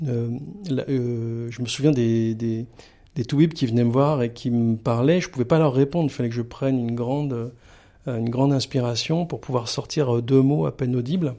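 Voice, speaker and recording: A middle-aged man from the Paris region, speaking as a guest in a radio interview and pausing often with fillers. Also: medium pitch, dark tone. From Paris region, France. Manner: halting, many filler pauses. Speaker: sanctuary communications manager, guest.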